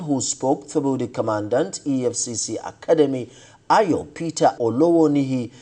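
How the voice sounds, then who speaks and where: Nigerian man reading a lively news report. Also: medium pitch. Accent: Nigerian English. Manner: measured formal delivery. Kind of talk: scripted news voice-over.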